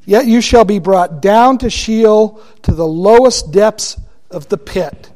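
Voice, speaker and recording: A man teaching a Bible study class, deliberate and asking his listeners questions. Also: sits high, a little mellow.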